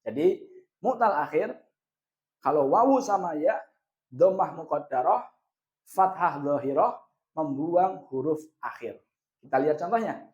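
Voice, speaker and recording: A man's voice: fairly high pitch, lively intonation, a little mellow. Man, Indonesian accent, grammar lesson, raised voice, dull echoey recording. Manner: asks questions and answers them himself, repeats points; drawls the Arabic example words slowly. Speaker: Arabic grammar teacher. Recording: echoey room, dull lo-fi sound.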